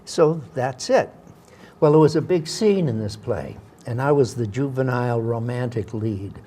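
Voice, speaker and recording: A man's voice: mid-range voice, normal speed, mellow. An older man, a veteran actor, tells stories from his career in an interview, with hesitant fillers and restarts. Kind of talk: anecdotal interview storytelling.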